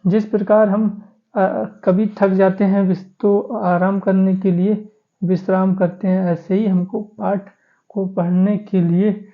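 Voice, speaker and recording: Male grammar teacher, flat and slow, lists points by number, tinny phone-like recording. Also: sits high. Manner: steady, listing points by number. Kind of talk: exam-prep grammar lesson.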